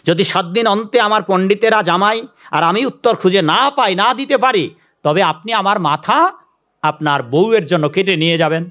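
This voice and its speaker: A man's voice: high-pitched, moderate pace, a bit bright. A man voicing a king who begs a demon for more time in a formal, humble tone. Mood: pleading. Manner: formal, pleading. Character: anxious pleading old king.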